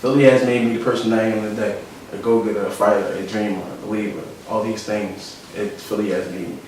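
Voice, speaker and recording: A man's voice: on the low side, steady tone, quick pace, darkish tone, slight background noise. A young man from Philadelphia with a Philadelphia accent, talking reflectively about his life in a casual interview, often repeating phrases. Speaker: interviewee, photographer. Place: studio room. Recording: echoey room, mic at a distance.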